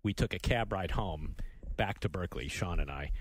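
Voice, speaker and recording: A man's voice: low voice, moderate pace, slight background noise. A man hosting a casual podcast chat, telling a story with lots of laughs. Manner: animated storyteller, laughs often. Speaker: podcast host.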